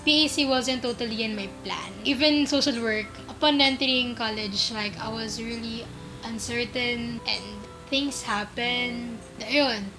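A woman in her twenties, an interviewee talking about her studies in a lively way, mixing in Tagalog. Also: a little high, unhurried, over music, rough recording. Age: 20s. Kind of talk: recorded self-introduction.

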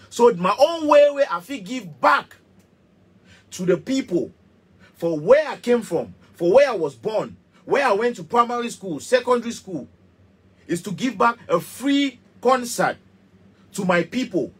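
In a small studio, a man in his thirties who makes music launches into an impassioned, repetitive rant to camera, gesturing emphatically. He speaks with a Cameroonian Pidgin English accent in a high, slightly rough voice.

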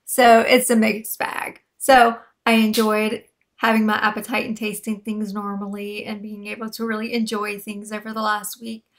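A woman vlogger, a bit hoarse, giving a chatty, rambling weight-loss update full of fillers and restarts. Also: mid-range voice, level tone, normal speed.

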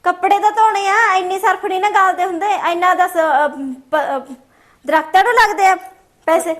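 A woman playing a nagging daughter-in-law in a family drama, scolding in a sharp-tongued way. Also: extremely high pitch, steady tone, normal speed. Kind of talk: amateur family drama acting.

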